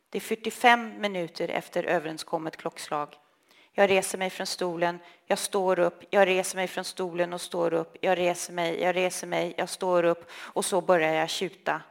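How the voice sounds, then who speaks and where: A woman reading a literary text aloud in a slow, measured, intimate way. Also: on the low side, fairly even intonation, gravelly. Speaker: reader.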